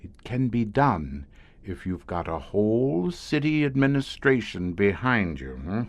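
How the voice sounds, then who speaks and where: A man with a medium-pitched voice, recorded dry, portrays the grim veteran scientist who runs a secret monster-hunting squad in an audio horror drama. He tells the story in a deliberate, scholarly, brooding way, sounding grim and haunted.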